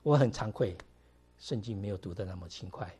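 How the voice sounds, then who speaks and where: A man's voice: lowish voice, fairly quick, mellow, husky. A middle-aged man, preaching a conversational sermon to his congregation with many fillers. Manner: conversational preaching, mixing English words, frequent fillers. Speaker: pastor.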